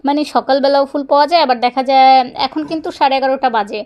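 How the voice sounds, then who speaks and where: A woman's voice: high voice, very fast, darkish tone. A young woman vlogging in a casual, rambling way while walking outdoors, talking into a handheld phone. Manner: chatty, rambling, fond of filler phrases. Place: outdoors on a neighborhood walk.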